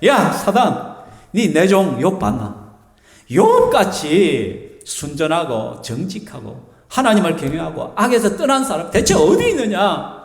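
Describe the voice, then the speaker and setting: A man's voice: high-pitched, huge pitch swings, vocal fry, heavily acted. A man giving voice to God, proudly boasting. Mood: boastful. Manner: slow, proud, declaiming. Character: elated boasting male God. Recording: reverberant church hall.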